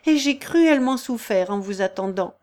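A woman reading aloud and voicing a gentle, frightened young peasant woman in a high, pleading voice. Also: expressive, normal speed, natural voice. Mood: tender earnest. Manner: pleading, breathless, high-pitched.

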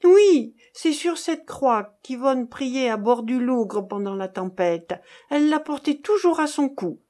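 A woman voicing a distraught young male farmer in an audiobook, crying out in high, agitated exclamations. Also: very animated, normal speed, darkish tone. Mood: frantic. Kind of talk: audiobook dialogue reading.

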